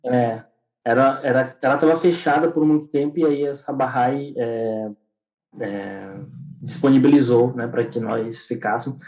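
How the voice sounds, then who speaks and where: A young man speaks in a casual interview. His voice sits in the middle of the male range, and he pauses often, restarts his sentences and leans on small fillers as he tells his story. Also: mid-range voice, a little mellow, rough recording. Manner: hesitant, many restarts and fillers. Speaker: podcast guest.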